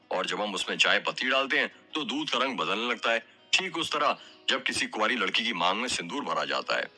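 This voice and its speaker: A man's voice: fairly low pitch, pushed and bright, exaggerated voice. A man playing a young man in an audio story, explaining things in a playful, easy way. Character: young man, fond of tea, relaxed.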